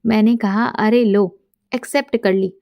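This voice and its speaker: A middle-aged woman narrating a first-person story in a soft, intimate way, quoting dialogue plainly. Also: mid-range voice, fairly even intonation, unhurried, no echo, clean studio sound.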